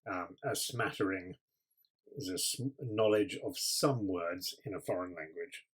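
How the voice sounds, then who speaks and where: A man's voice: low voice, unhurried, slightly rough, poor audio. A man teaching vocabulary, explaining patiently with frequent ums. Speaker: English teacher.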